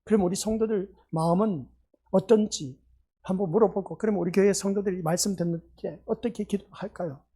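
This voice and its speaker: A woman's voice: medium pitch, fairly quick, mellow, slightly rough. A woman pastor preaching a sermon in a small church, asking rhetorical questions and acting out quotes.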